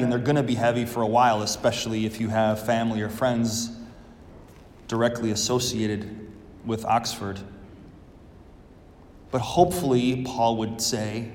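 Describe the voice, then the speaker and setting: Slow, solemn male priest in cathedral echo. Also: medium pitch, darkish tone. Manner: measured, solemn, with deliberate pauses. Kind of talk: Gospel reading and homily. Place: large church, indoors. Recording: echoey church with long reverb. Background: long cathedral-like echo.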